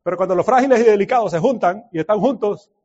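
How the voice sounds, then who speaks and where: A man preaching a sermon in an animated way, dropping to soft asides and rising to shouted exclamations, often laughing. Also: sits high, quick pace. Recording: dull lo-fi recording.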